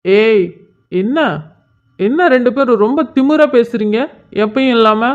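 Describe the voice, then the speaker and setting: A woman's voice: on the high side, unhurried, a little mellow, highs cut off, natural voice. A woman voicing a cocky young male senior who taunts and pesters a girl in a bossy way, in a cartoon story. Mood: taunting.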